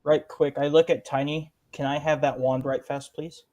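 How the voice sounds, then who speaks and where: A man's voice: on the high side, flat delivery, normal speed, a little mellow. A man chatting casually as a player in a tabletop role-playing game.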